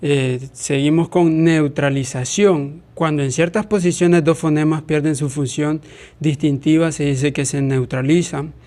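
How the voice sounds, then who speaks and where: A man's voice: fairly high pitch, fairly even intonation, unhurried, dark tone. Hesitant man explaining phonetics. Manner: hesitant, many fillers and restarts.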